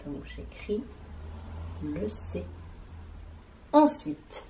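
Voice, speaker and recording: A woman gives a classroom lesson at a very slow, careful pace. Her voice is mellow and soft-edged, and she lingers on each syllable and sound as she spells them out. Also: medium pitch, animated, a little hiss or hum, poor audio. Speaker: teacher.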